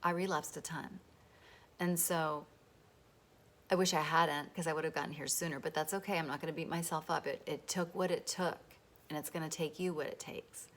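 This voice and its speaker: A woman talking to camera as a self-help host, emphatic and swearing freely, dropping at times into soft whispered asides. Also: low voice, fairly even intonation, normal speed. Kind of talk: motivational self-help monologue.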